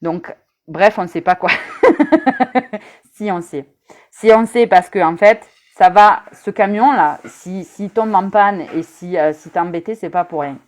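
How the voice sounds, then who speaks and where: A woman with a fairly low voice gives a casual rune reading on a live stream. She is chatty and teasing and speaks straight to her viewers. She pauses often on hesitant fillers. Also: darkish tone. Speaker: rune reader.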